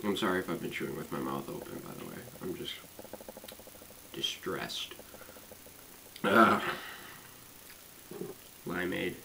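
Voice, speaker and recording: A young man in his late teens venting in a casual vlog, rambling with lots of fillers and swearing, swinging between loud complaints and quiet mumbling. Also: low-pitched, expressive, a little slow, creaky, long pauses, a little hiss or hum, poor audio. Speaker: student vlogger.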